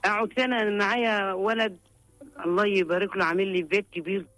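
A woman's voice: medium pitch, fairly even intonation, fast talker, a bit bright, no room sound, soft background music. An older woman with an Upper Egyptian accent, calling in for advice and recounting her hardship in a pleading, emotional, repetitive way. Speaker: caller seeking advice. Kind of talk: personal account of hardship.

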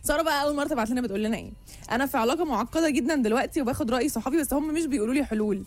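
A woman's voice: high voice, very fast, darkish tone. A woman with an Egyptian Arabic accent co-hosting a show, chatting casually and playfully and reading out listener messages. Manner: playful, bantering. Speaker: radio show co-host.

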